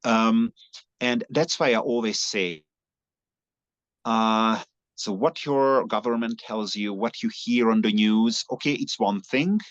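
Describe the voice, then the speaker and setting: A native Hungarian man, here as a long-distance cyclist guest in a conversational interview, takes it slowly in a lowish voice. He talks earnestly, with many fillers and restarted sentences. The slightly dull lo-fi recording has no echo.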